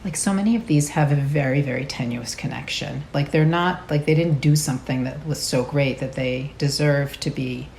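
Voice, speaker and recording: A woman's voice: low-pitched, normal speed, creaky, hardly any pauses, darkish tone, slight background noise. A woman professor of medicine explaining history conversationally in an interview, peppering her talk with fillers. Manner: conversational, with frequent likes.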